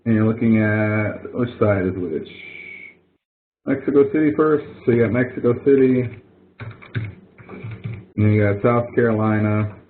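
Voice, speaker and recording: In an online web conference, a man acting as instructor leads a help session, walking through a spreadsheet exercise on screen share in an informal, folksy, step-by-step way. His lowish voice moves at a measured pace with frequent pauses, and the audio is muffled and narrow like a phone.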